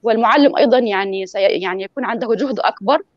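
A woman's voice: a little high, very fast, dry recording, dull audio. A woman teaching in an online lecture, explaining pronunciation rules and demonstrating examples over a call. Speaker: guest lecturer on Quran recitation.

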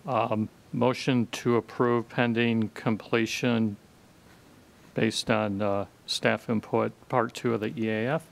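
A slow-talking man with a gravelly voice sits on a planning board and gives short replies and motions. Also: medium pitch, little pitch movement. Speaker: board member.

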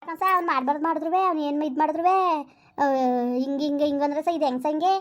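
A woman playing a quick-tongued village wife who argues back and curses her husband in a comedy skit. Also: natural voice. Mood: defiant. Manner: argumentative, shrill, cursing.

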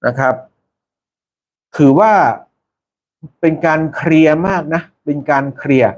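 A man's voice: fairly high pitch, expressive, unhurried, a little mellow. A man hosting a casual live stream, chatting with viewers and reading out their names, peppering his talk with polite particles.

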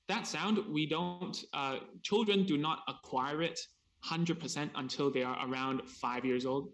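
A man presenting a seminar as a speech therapist, explaining in short chunks over a video call and pausing for an interpreter, with casual asides. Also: fairly high pitch, a bit bright. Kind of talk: seminar talk paused for interpretation.

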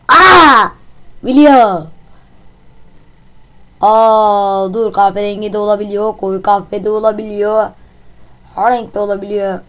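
A woman's voice: medium pitch, a bit bright. A woman hosting her own channel, casually talking through a guessing game while giggling and joking crudely. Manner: giggly, answers questions aloud and jokes crudely.

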